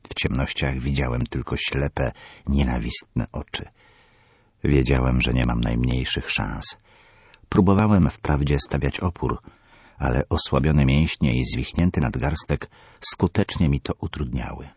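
A man narrating a horror audiobook in the first person, measured and tense. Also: rumbling low, breathy edge, dry recording, clean studio sound.

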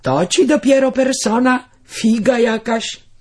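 A man voicing a gruff, rustic village coachman who talks bluntly in country speech. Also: high-pitched, very animated, a little slow, full character voice. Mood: mocking.

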